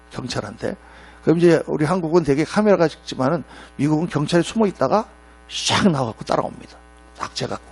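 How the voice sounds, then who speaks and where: A middle-aged male pastor with a high voice and vocal fry preaches a sermon in a church sanctuary. He's animated, telling stories and acting out the quotes, and mains hum runs through the recording.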